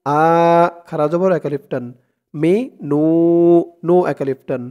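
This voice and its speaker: A man with a Bangladeshi Bengali accent teaching Quran reading, chanting verses slowly and then breaking the words into syllables. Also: on the high side. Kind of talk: slow step-by-step recitation lesson.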